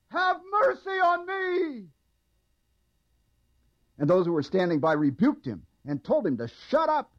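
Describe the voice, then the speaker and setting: Slow, husky male scripture reader. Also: no echo, highs cut off. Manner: slow expressive reading with wide pitch swings. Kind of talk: scripture reading.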